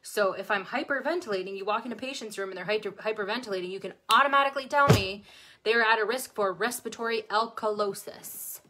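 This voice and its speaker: Woman, nursing exam tutor, bubbly live-stream host, bright forward tone. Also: mid-range voice, fast talker, a little hiss or hum. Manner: bubbly, excitable, talks to viewers. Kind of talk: Facebook Live chat answering comments. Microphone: phone or webcam, livestream.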